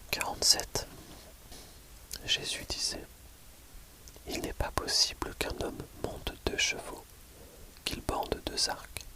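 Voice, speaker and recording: A reader giving a whispered ASMR audiobook reading of scripture in a hushed library whisper, measured, pausing between short phrases. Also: rough recording.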